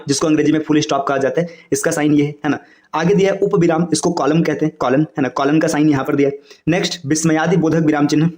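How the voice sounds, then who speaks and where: Guy teaching hindi grammar for exams, talks super fast, kinda high voice, echoey room. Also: darkish tone. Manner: fast explanatory, repeats "है ना" and "देखिए". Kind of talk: exam coaching lesson.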